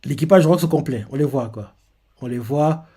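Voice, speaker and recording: A man's voice: medium pitch, normal speed, mellow, husky. A man hosting a manga reaction, casually recapping a chapter in a hesitant way with many fillers and self-corrections.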